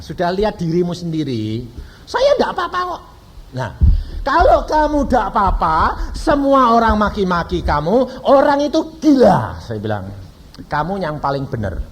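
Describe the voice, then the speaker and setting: Male evangelist with a high, animated voice, blunt and questioning the congregation. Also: a little hiss or hum, rough recording. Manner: blunt, peppers talk with rhetorical questions to the audience. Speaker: evangelist preacher. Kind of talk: sermon to a congregation.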